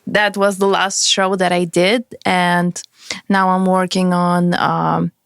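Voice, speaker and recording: A woman's voice: fairly low pitch, flat delivery, slow pace, creaky, clear, resonant tone, no room sound, clean studio sound. Hesitant young woman from kazakhstan. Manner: hesitant, many fillers, non-native phrasing. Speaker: music artist guest. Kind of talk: casual interview chat. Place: recording studio.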